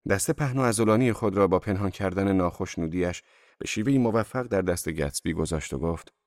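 Low-voiced man reading a novel. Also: dry recording, studio quality. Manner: calm, even literary narration. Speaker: narrator.

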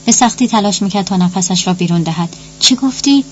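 A woman's voice: lowish voice, darkish tone. Woman narrator, audiobook reading, dramatic, muffled lo-fi sound, faint hum. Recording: dull lo-fi recording with faint hum.

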